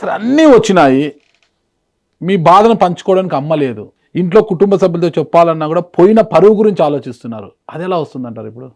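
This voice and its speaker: A man's voice: a little high, expressive, quick pace, a little mellow. A man who is a journalist, interviewing a guest and asking challenging, pointed questions.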